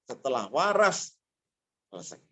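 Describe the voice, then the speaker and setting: A man giving a fiery motivational talk as a guest speaker, telling stories emphatically and swinging between quiet asides and loud bursts over a video call. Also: medium pitch, sing-song, a little slow, a little hiss or hum.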